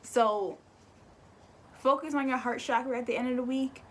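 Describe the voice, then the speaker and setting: A woman's voice: high-pitched, steady tone, normal speed, a little hiss or hum. A young woman giving a casual spiritual card reading, chatty, repeating words and swearing offhandedly. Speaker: tarot and oracle card reader.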